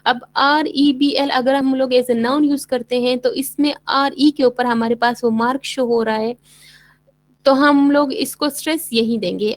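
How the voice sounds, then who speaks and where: A woman with a Pakistani accent giving a bilingual English lecture, explaining in Urdu-Hindi and reading English lines slowly and deliberately. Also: high voice, no room sound, low-quality recording. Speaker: English teacher.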